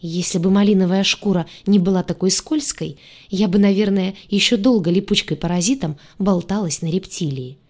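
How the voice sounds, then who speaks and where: A woman narrating a first-person fantasy audiobook with a lively, expressive reading. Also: medium pitch, normal speed.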